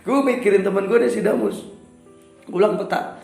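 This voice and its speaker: A young man telling a story in a casual interview, animated, raising his voice for quoted dialogue. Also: high voice, moderate pace. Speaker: guest storyteller. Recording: echoey room with soft music.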